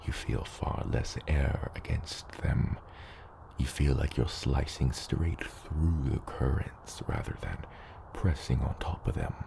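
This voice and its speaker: In a heavily acted ASMR roleplay, a man plays a dragon father with an extremely low, very deep, gravelly voice that turns partly whispery at the edges, mentoring a hatchling. He's slow, measured and patient, gently teasing, with hesitant asides, and clear ambient noise sits behind him.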